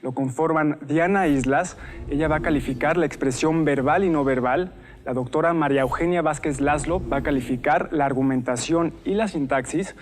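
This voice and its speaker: A man with a Mexican Spanish accent hosting a televised student debate in an upbeat, scripted presenter style. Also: fairly high pitch. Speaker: host.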